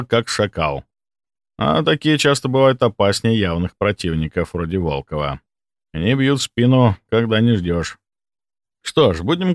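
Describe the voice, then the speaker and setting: Man narrating an audiobook with lively intonation. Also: on the low side, no room sound, studio quality. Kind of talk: first-person audiobook narration.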